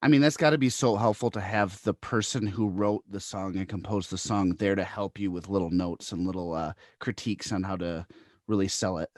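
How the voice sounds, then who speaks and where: A man's voice: low voice, steady tone, brisk, no room sound, clean studio sound. A man hosting a podcast interview, asking questions in a friendly, easygoing way. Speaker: podcast host.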